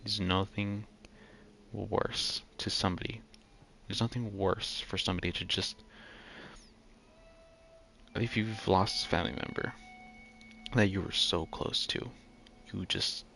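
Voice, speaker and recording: A man's voice: sits low, level tone, a little slow, gravelly, long pauses, a bit bright, slight background noise. A young man giving casual commentary on a game playthrough, musing and often restarting his sentences. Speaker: gamer comparing game and show.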